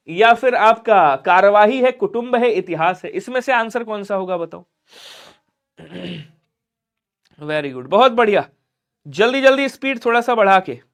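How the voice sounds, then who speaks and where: Young guy tutor, really high voice, brisk and chatty, keeps drilling the answers. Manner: brisk, repetitive drilling, chatty asides to students. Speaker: online exam tutor. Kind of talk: live online grammar class.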